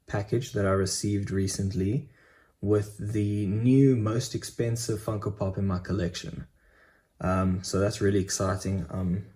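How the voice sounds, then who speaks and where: A man's voice: on the low side, warm tone. A young man casually chatting through his collectible purchases in a vlog, enthusiastic with frequent ums. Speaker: Funko Pop collector vlogger.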